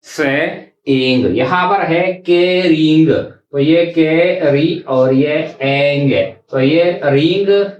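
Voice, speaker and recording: In an echoey room, a man with a higher-pitched voice teaches a shorthand class, explaining as he writes. He speaks slowly and repetitively, drawing out example words syllable by syllable.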